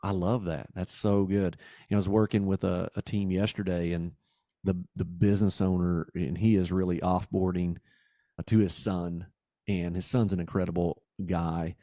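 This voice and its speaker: A man's voice: sits low, level tone, normal speed, warm tone, dry recording, studio quality. A man hosting a business podcast and coaching, enthusiastic and affirming as he tells stories. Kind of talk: podcast interview.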